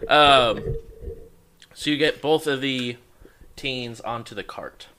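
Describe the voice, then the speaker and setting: A man's voice: mid-range voice, slow pace, sharp tone, slight background noise. A man narrating as game master of a tabletop game in loose, casual speech full of fillers.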